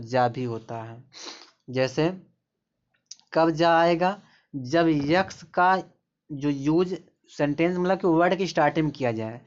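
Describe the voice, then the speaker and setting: Man, pronunciation teacher, patient repetitive explaining, dull muffled recording. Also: on the high side. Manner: repetitive, pointing at examples. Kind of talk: explaining pronunciation rules in Hindi.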